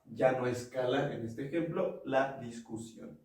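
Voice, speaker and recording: A man's voice: medium pitch, a little slow, a little mellow. Mexican man explaining in an echoey room. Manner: explains with examples, acts out quoted lines, chuckles. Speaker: podcast co-host. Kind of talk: casual explanatory podcast chat. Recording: echoey room, mic at a distance.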